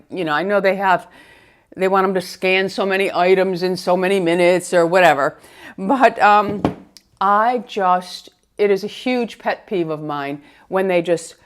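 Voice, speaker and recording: Rambling, chatty woman beauty vlogger. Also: medium pitch. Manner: rambling, conversational, addresses viewers directly. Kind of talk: casual get-ready-with-me chat.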